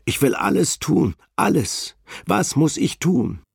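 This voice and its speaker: A man's voice: mid-range voice, expressive, slow, creaky, darkish tone, slightly rough, dry recording, studio quality, heavily acted. A man voicing a desperate male climber who pleads with God for rescue. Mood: pleading. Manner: pleading, urgent.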